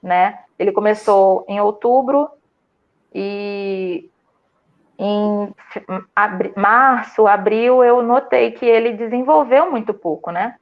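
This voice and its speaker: A woman with a Brazilian Portuguese accent telling her story in a casual interview, animated and full of fillers and restarts. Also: mid-range voice, slow, lo-fi sound. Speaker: student telling her experience.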